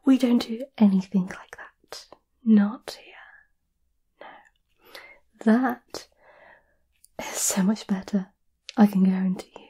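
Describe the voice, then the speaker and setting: A woman doing a whispered role-play as a gentle, caring witch, soothing and a little hesitant, close to the microphone. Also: medium pitch, measured pace, long pauses. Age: 20s. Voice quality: breathy whisper. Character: gentle, caring centuries-old witch offering potions. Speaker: ASMR performer. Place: small candlelit indoor room.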